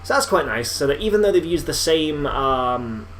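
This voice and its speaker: Higher-voiced man giving wry game commentary. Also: animated, normal speed, a bit bright, slight background noise. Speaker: let's play host.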